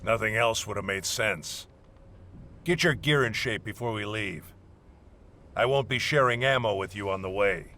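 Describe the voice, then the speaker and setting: A man's voice: fairly low pitch, moderate pace, pushed and bright, slight background noise. A man playing a hostile, bossy warrior leading a scouting mission in a video game, curt and scornful. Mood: contemptuous, bitter. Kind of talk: video game dialogue acting.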